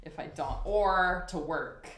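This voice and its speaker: A woman talks freely in a casual conversation, circling through her thoughts with plenty of fillers. Her voice is fairly low for a woman. The room carries a noticeable echo. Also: takes it slowly, a crowd in the background. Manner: rambling, filler-heavy, laughs often. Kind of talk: casual chat.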